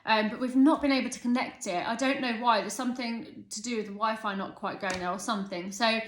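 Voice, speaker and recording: A woman's voice: on the high side, fairly even intonation, brisk. A woman in her thirties chatting casually and a bit ramblingly in a vlog. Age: 30s. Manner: chatty and rambling, self-aware, determined. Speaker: vlogger. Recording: echoey room.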